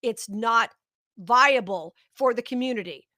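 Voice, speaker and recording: A woman's voice: a little high, unhurried, sharp tone, no room sound, studio quality. A middle-aged woman hosting a live political commentary show, talking straight to her viewers with indignant, sarcastic outrage.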